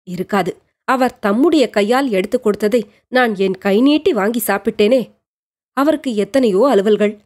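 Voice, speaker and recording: A lovesick young woman lies sick in bed and turns her doubts over and over in an anxious inner monologue, as a woman narrator reads her. Her voice sits fairly high. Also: darkish tone, natural voice.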